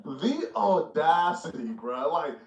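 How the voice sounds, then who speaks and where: A man in casual commentary, animated and incredulous, full of slang. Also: on the high side, slow, roomy sound, rough recording.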